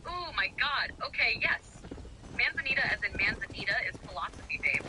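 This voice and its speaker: A woman's voice: a little high, very animated, brisk. A woman as an AI chatbot companion, speaking in earnest, slangy, theatrically poetic conversational monologues. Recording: clear video game noise behind voice.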